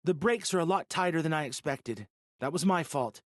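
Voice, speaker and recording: A man's voice: on the high side, animated, moderate pace, no echo, clean studio sound, voice pushed up, natural voice. A man voicing a young woman at the wheel of a rover in an audiobook. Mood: apologetic. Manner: apologetic, then shouting in alarm. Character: young adult woman, driver, alarmed.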